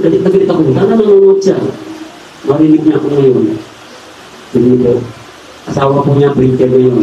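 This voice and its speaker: Warm-voiced Filipino preacher in an echoey hall. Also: male voice, mid-range voice, a little hiss or hum. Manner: keeps asking the audience for agreement; mixes English phrases into his preaching. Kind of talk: sermon to a congregation. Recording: echoey hall, mic far off, dull sound.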